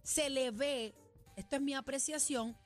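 High-voiced Puerto Rican woman co-host. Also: unhurried, soft background music. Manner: expressive, opinionated commentary. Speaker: radio show co-host. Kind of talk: casual gossip chat. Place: radio studio.

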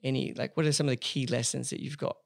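A podcast host asking eager, quick questions in casual interview chat. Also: mid-range voice, steady tone, creaky.

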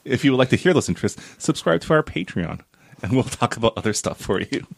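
A man co-hosting a book podcast in casual chat, easygoing and quick to laugh, with joking asides. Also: medium pitch, big pitch swings, creaky, dry recording. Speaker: podcast co-host.

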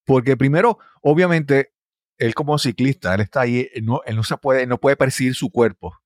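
A man's voice: mid-range voice, normal speed, no room sound, clean studio sound. A man hosting an interview, speaking hesitantly and often seeking confirmation. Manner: hesitant, asks for confirmation with frequent tag questions. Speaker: podcast host. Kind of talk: casual interview talk.

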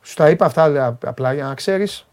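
A man's voice: fairly high pitch, animated, darkish tone, clean tone. A man hosting a radio show in casual chat, emphatic and repeating phrases for stress.

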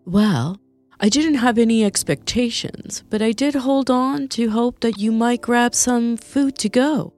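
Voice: mid-range voice, unhurried, darkish tone, faint music behind, voice pushed up, natural voice. A woman voicing Rio, an affectionate, playful partner, speaking tenderly within a read-aloud story. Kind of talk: storybook character reading.

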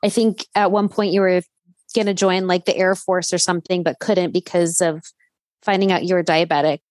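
A woman's voice: on the low side, steady tone, normal speed, a little mellow, dry recording. A woman from the LA area with a Southern California accent, chatting informally and slangily as an interviewer, often saying "like". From Los Angeles Valley, California. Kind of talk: casual chat.

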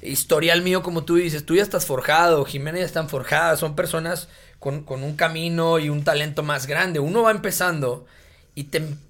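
Brief: excitable Mexican man, a guest, high voice, slangy storytelling that doubles back on itself. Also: moderate pace. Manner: animated storyteller, slangy, repeats himself. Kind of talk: casual podcast chat.

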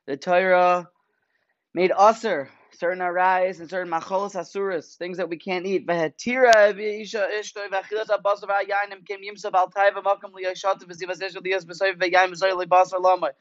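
A man's voice: a bit bright, no room sound. Man on a dull lo-fi stream without a proper mic. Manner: conversational, asks himself rhetorical questions. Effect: low-quality audio recorded on the road without his usual microphone. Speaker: podcast host teaching the weekly Torah portion. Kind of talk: casual spoken Torah class. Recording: dull lo-fi dry sound.

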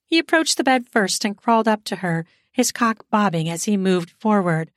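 A woman narrating an erotic audio story in a smooth, steady storytelling manner. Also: mid-range voice, normal speed, dry recording, clean studio sound.

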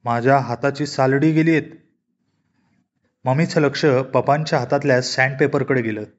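A man narrating a comic short story in a steady, expressive storytelling manner. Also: mid-range voice, normal speed. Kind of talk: storybook reading. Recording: dull lo-fi recording.

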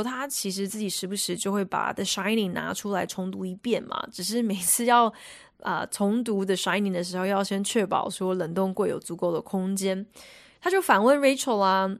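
A woman's voice: medium pitch, dry recording. A woman radio host giving a chatty, explanatory lesson on English phrases and films, recorded in a studio.

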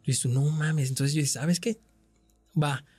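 A guest with a Mexican accent recounts his own paranormal experience in a casual conversation, retelling it animatedly with plenty of slang and swearing. His voice is mid-range, slightly rough, and at normal speed. There's no room sound, just faint music behind him.

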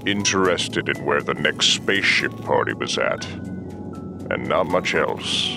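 A man voicing a stern, humorless but loyal warship admiral in an audio drama, speaking in a formal, pompous, deliberate way. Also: rumbling low, expressive, creaky, music in the background, heavily acted. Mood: dry. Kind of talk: audio fiction drama acting.

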